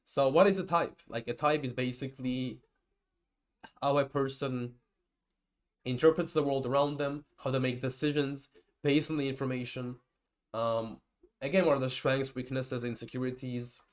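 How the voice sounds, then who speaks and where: This typology lecturer, a young native Georgian speaker, delivers a meandering, informal talk full of false starts and tangents. He speaks at a normal pace in a medium pitch, with fairly even intonation.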